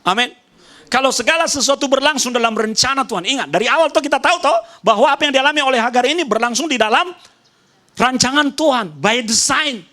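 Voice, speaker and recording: Male pastor, high voice, emphatic sermon delivery, loud calls dropping to hushed asides, repeats key phrases. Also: fast. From Nias, Indonesia. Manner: emphatic preaching that swings between loud high calls and soft low asides; repeats short phrases and speaks straight to the congregation.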